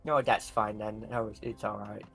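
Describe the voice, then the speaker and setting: A woman's voice: rumbling low, steady tone, moderate pace, gravelly, a bit bright, soft background music, voice pushed down, exaggerated voice. A woman voicing a chatty old male shopkeeper with false teeth and a lisp, rambling through his sales patter.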